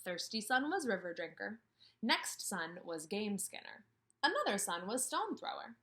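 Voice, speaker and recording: Indoors by a brick wall, a woman in her thirties teaches kindergarteners and reads aloud to them. Her medium-pitched voice is expressive, and she asks questions and uses emphatic pauses in this instructional read-aloud for young children.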